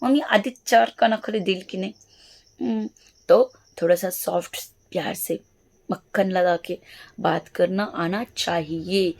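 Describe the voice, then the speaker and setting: A woman teacher with a cracked, gravelly voice that stays loud. She reads lines very slowly, then explains them playfully in Hindi. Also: on the low side, fairly even intonation. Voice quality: cracked, loud voice, habit of talking loudly. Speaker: English teacher. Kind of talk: bilingual classroom lesson explaining a story.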